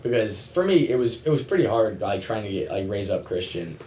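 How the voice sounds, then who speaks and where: A deep-voiced young man hosting a casual podcast chat, talking quickly and animatedly with plenty of filler words. His voice bounces around a reverberant room, with a faint hiss of noise underneath. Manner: animated, fast, full of fillers. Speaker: podcast host asking questions.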